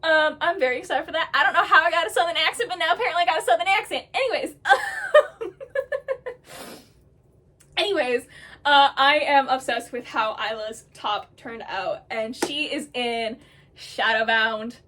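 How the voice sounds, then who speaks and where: Talking to her audience about her own made-up characters, a woman speaks in a bright, high voice. She's casual and excitable, gushing freely, with "um" after "um" filling the gaps.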